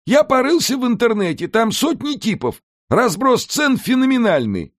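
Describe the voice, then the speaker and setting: A man voicing an excitable, scheming male house brownie in an audiobook, brash and wheedling. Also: extremely high pitch, no room sound, studio quality, voice pushed up. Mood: eager. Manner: fast-talking, brash, wheedling. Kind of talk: audiobook character voice.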